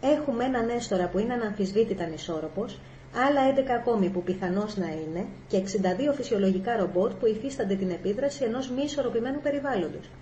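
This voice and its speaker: Stern, insistent woman psychologist, read by a woman; mellow tone in a roomy space. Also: medium pitch, expressive, slight background noise, natural voice. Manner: firm, insistent. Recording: echoey room, faint ambience.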